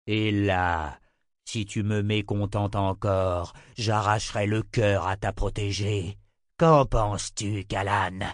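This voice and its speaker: A cruel, menacing emperor, as a man reading the audiobook puts him on, drags out every threat slowly. His timbre sounds hollow and strange against the narration. The voice sits low and dry in a close, deadened room. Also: fairly even intonation, no room sound. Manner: slow, drawn-out threatening delivery.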